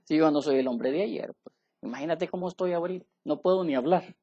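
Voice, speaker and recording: A male preacher voicing Moses as a weary, humbled old man who speaks low and haltingly. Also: warm tone, breathy edge, muffled recording. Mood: despondent.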